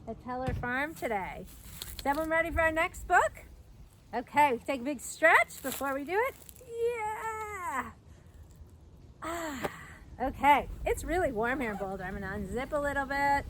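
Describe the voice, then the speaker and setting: Outdoors by a trailhead fence, a middle-aged park educator hosts a children's storytime, reading a picture book in a lively, sing-song way and tossing in chatty asides. Her voice sits high, and background noise comes through the outdoor recording.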